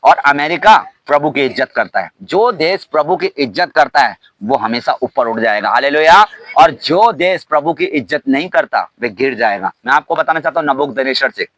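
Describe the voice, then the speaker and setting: A man pastor preaching a sermon, shouting hallelujah often and asking the congregation questions. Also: a little high, expressive, moderate pace, no echo, rough recording. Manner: preaching with frequent hallelujahs and call-and-response questions.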